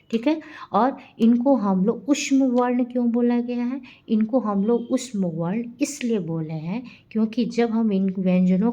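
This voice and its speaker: A woman's voice: mid-range voice, mellow, highs cut off. A woman teaching a Hindi grammar lesson, explaining patiently, repeating points and checking in with her students. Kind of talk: recorded classroom lesson.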